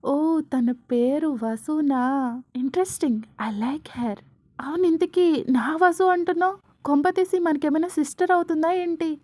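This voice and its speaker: A woman's voice: high voice, unhurried, dark tone, no room sound, voice pushed up. A woman voicing a young man who teases his friend in a read-aloud story. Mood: teasing. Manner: playful teasing.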